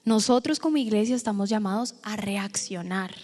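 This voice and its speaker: A woman pastor giving a sermon, telling a personal story to the congregation in a lively, direct way. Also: mid-range voice, normal speed. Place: church hall. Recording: long church hall reverb.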